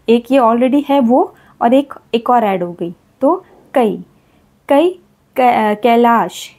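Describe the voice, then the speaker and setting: A woman teacher explaining Hindi vowel signs to children, repeating example words slowly and patiently. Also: sits high, dark tone.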